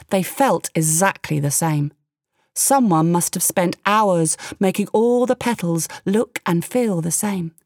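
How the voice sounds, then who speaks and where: A woman telling a fairy tale, her voice mid-pitched and expressive, with playful little asides. The sound is dry and close. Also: dry recording. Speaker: storyteller. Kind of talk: storytelling narration.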